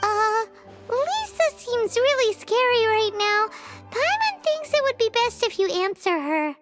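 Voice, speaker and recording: A woman voicing a tiny, excitable female companion creature who speaks of herself by name, in a game with loud music behind. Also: very high-pitched, measured pace, full character voice.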